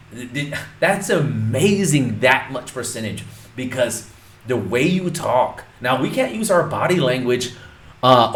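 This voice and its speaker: A man's voice: medium pitch, fairly bright tone. A man coaching viewers in a casual instructional video, talking emphatically and repeating his points straight at the audience. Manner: emphatic, repetitive, addresses viewers directly. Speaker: real estate coach. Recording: roomy echo.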